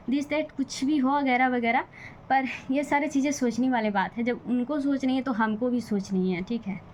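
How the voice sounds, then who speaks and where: A woman's voice: on the high side, darkish tone, lo-fi sound, a little hiss or hum. A young woman talking in a casual vlog, venting with bitter, defiant frustration about her family. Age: young adult. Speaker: vlogger. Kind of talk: casual personal vlog talk.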